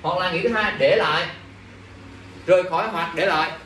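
Young male English teacher, high voice, quizzing the class, echoey room, mic well across it. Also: a little fast, a bit bright, recorded from a distance, slight background noise. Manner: drills pronunciation, quizzes students, exasperated asides. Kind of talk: classroom English vocabulary lesson.

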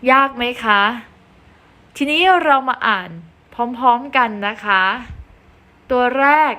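Slow, bright-voiced woman teacher. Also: high-pitched. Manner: patient, drawn-out recitation of letters. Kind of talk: slow classroom reading lesson.

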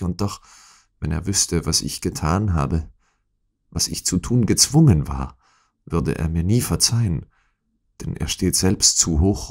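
A man voicing a distraught young noblewoman who pleads for help, in an audiobook reading. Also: sits low. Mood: desperate. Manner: pleading, breathless, emotional.

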